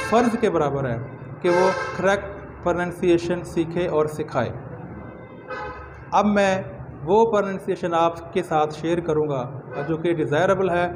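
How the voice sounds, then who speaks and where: Man, pronunciation teacher, earnest, slow repeated model words, high pitch, noisy background. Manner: earnest, repeats each word slowly as a model. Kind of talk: spoken lesson to camera.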